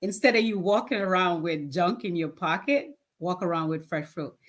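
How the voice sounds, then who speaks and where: A woman's voice: lowish voice, moderate pace. A woman in her fifties, a nonprofit founder, answering interview questions in an earnest, plain-spoken way and laughing easily. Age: 50s.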